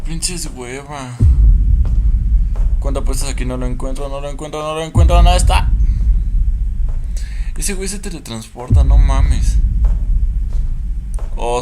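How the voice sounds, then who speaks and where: A man's voice: mid-range voice, normal speed, loud music behind the voice. A man with a Mexican accent commenting while playing a game, jittery and swearing constantly, letting out yelps when startled. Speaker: gamer. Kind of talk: let's play commentary.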